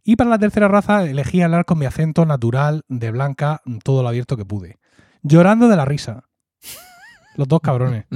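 Murcian man, warm mellow voice. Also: fairly high pitch, big pitch swings, fairly quick, no room sound, clean studio sound. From Murcia, Spain. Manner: reflective, fond storytelling with frequent "¿no?" tags. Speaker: podcast co-host. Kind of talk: casual conversation.

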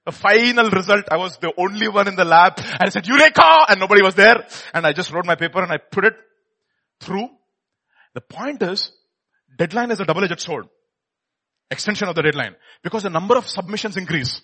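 A man's voice: high voice, fairly quick, pushed and bright. A man with an Indian accent preaching with personal testimony, emphatic and dramatic, repeating words and putting rhetorical questions to his listeners. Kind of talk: animated sermon with personal testimony.

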